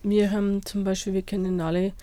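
A woman's voice: mid-range voice, level tone, a little fast, warm tone. A woman speaking thoughtfully in a radio interview, sometimes searching for words. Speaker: guest.

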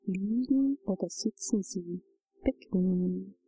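A woman narrating a guided relaxation journey, giving calm, soothing instructions. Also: medium pitch, slow, slightly rough, dry recording, faint music behind, poor audio.

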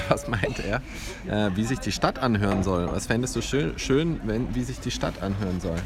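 A man, a parent at a festival, gently coaxes a child to answer in a street interview. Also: on the low side, expressive, moderate pace, a crowd in the background. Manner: coaxing, gently prompting.

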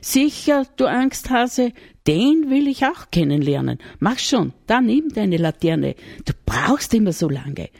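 A woman with an Austrian accent voicing a gruff, stubborn young shepherd girl who talks curtly and scolds. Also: deep voice, very animated, measured pace, a little mellow, no echo, studio quality, full character voice. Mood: scolding. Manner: curt, scolding, grumbling.

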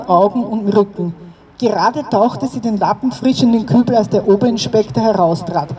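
A woman reading a story aloud at an outdoor commemoration, measured and steady, with occasional slips and restarts. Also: a little high, slight background noise. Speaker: reader at a commemoration. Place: outdoors in front of a housing block. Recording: distant mic outdoors with faint ambience.

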